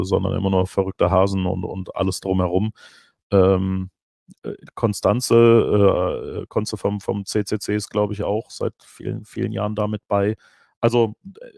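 Gravelly-voiced middle-aged man on a headset. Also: fairly low pitch, no room sound, clean studio sound. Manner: animated, frequent hesitations and restarts. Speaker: keynote speaker. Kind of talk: conference Q&A over video call.

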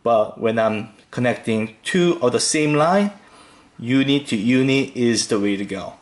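In a mid-range voice, a man narrates a step-by-step fishing demonstration, tying knots as he goes. His instruction is slow and relaxed, calm throughout, with the odd filler word.

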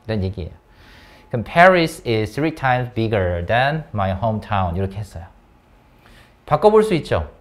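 Lively man teaching grammar. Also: lowish voice, slow. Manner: lively, coaxing questions to students. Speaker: English teacher. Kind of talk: classroom grammar lesson. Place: academy classroom.

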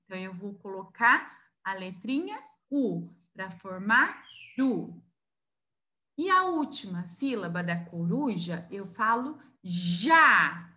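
A Brazilian preschool teacher, with a Brazilian Portuguese accent, records an online lesson for young children, sounding out words syllable by syllable and stretching each sound. Her medium-pitched voice is pushed and bright, slow-paced, with big pitch swings.

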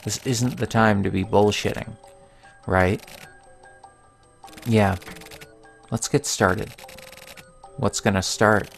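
A man hosting a let's play, reading game dialogue aloud in a slow, measured way and adding his own remarks. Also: fairly low pitch, fairly even intonation, gravelly, soft background music.

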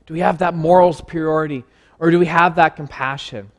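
A man's voice: a little high, steady tone, brisk. Earnest man preaching a casual sermon. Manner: earnest, conversational preaching with rhetorical questions. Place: church.

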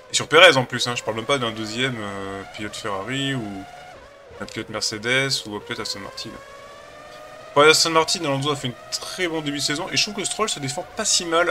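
Background noise surrounds a man who has a cold as he rambles casually and hesitantly while hosting a racing game session on his gaming channel. His voice is mid-range.

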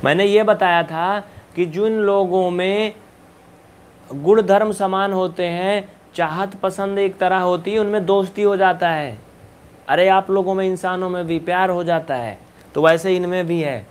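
Teaching basic algebra in a live online session, this male maths teacher has a high-sitting voice with a clean tone and fairly even intonation. He keeps the pace brisk, coaxes quick answers from students, and occasionally chides them playfully.

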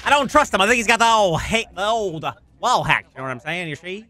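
A man's voice: high-pitched, big pitch swings, fast talker, sharp tone, a little hiss or hum. A man bantering casually in a game voice chat, joking and swearing freely. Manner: foul-mouthed, joking. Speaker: gamer in group voice chat. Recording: music behind the voice. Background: background music.

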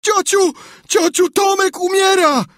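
A man voicing a frightened young boy who pleads in a shrill, alarmed voice, read in an audiobook. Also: fairly even intonation, slow, fairly bright tone, no room sound, clean studio sound, heavily acted. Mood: panicked.

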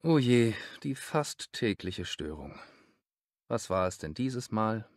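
A man's voice: on the low side, very animated, slow pace, no room sound, studio quality. A man reading a grumbling coworker's lines in a scripted lesson dialogue. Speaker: office worker in a dialogue.

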